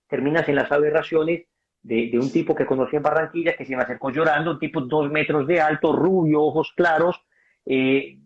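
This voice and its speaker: Emphatic man preaching on a call. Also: fairly high pitch. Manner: emphatic, acts out dialogue, addresses listener as brother. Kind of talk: passionate preaching-style talk. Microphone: video call. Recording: dull lo-fi video call audio.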